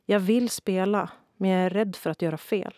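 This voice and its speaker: A woman voicing a shy, ashamed young boy in a children's storybook who speaks quietly, often in a whisper. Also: medium pitch, no echo, studio quality, lightly acted. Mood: sad.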